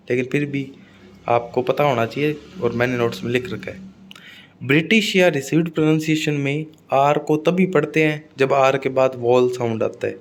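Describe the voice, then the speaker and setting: A man teaching an exam-prep phonetics lecture, often repeating points and checking in with his students. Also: on the high side.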